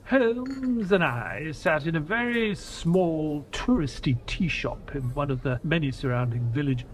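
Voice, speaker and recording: An actor playing Doctor Watson in an audio drama, the skeptical, grumbling companion of a detective who also narrates, with a husky, expressive delivery. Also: male voice, a little high, measured pace, slight background noise, low-quality recording. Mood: narrating. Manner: exasperated, expressive storytelling.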